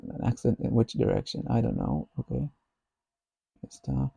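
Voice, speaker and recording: Guy working through code out loud, slow and murmury, very dark husky voice. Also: medium pitch, huge pitch swings, dry recording. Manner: slow, musing, half to himself. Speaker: software developer. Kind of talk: thinking aloud while coding.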